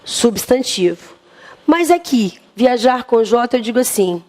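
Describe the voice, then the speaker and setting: Lively Brazilian woman teaching grammar. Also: fairly high pitch, unhurried. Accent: Brazilian Portuguese. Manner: lively, asks the class questions. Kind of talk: exam-prep grammar lesson.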